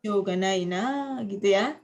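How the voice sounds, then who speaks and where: A woman's voice: medium pitch, fairly even intonation, moderate pace. A woman teaching a university Japanese class online, prompting students to finish each phrase. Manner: coaxing students to complete phrases. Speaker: Japanese language lecturer.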